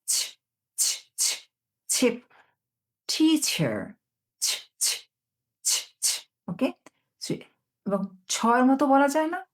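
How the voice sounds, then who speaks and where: A woman teaching English phonics sounds in a lesson. She explains each sound, then repeats it and its example words slowly, one at a time. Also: mid-range voice, a little mellow.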